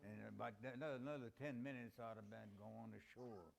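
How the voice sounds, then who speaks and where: An older navy veteran recalling wartime events in plain, informal speech. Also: male voice, lowish voice, steady tone, fairly quick, creaky. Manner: plain-spoken, informal grammar. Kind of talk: oral history recollection. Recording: faint background noise.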